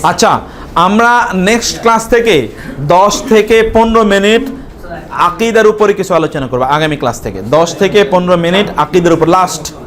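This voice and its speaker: A man with a Bangladeshi accent teaching a live Arabic class, explaining slowly and repeating each word for his students to answer. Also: high-pitched, lively intonation, a bit bright.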